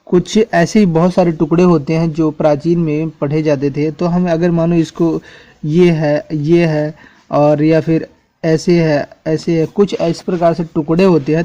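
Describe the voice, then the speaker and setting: A man's voice: fairly high pitch, mellow, dull audio. A man teaching an English spelling lesson at a board, spelling words out letter by letter and checking in with the class often.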